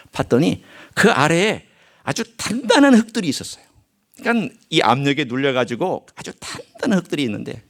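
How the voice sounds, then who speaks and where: A male pastor preaching a sermon in church, swinging from loud emphasis to hushed asides and acting out quoted voices and dialect. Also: mid-range voice. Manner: acts out quoted speech and regional dialect phrases. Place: church sanctuary.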